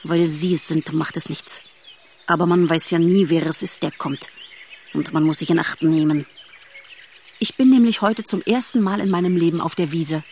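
A woman voicing a serious, grumpy male grasshopper in a storybook, with a rattling, raspy voice and slow, curt words. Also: fairly low pitch, a little mellow, slight background noise, close to an everyday voice. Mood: wary.

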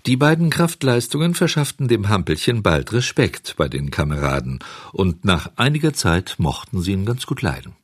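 A man reading a children's novel aloud as an audiobook narrator, measured and expressive. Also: fairly low pitch, breathy edge, no room sound.

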